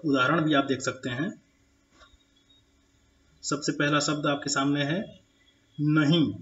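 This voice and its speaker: A male teacher giving a slide-based grammar lesson to children, speaking slowly and deliberately and drawing out each example word. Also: a little high, muffled recording. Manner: slow, deliberate, draws out example words.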